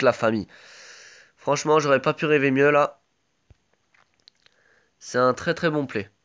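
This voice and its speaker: A man's voice: medium pitch, a bit bright, clean tone, lo-fi sound. A man with a sore throat giving casual live commentary on his own game, chatty and full of gamer slang.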